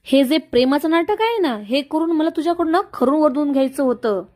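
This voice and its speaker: A woman's voice: high-pitched, expressive, fairly quick, darkish tone, voice pushed up. A woman doing a stern young husband.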